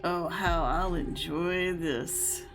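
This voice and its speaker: A cruel guard woman who relishes her threats, as a woman reads her lines. Her low, gravelly voice sneers at the captives, slow and scornful, with game music behind. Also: fairly even intonation, heavily acted. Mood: sneering.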